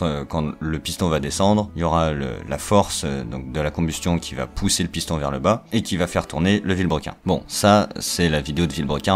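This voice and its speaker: A young man chatting through an engine explanation, full of fillers, restarts and joking asides. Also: rumbling low. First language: French. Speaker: video creator explaining engines. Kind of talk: casual technical explanation.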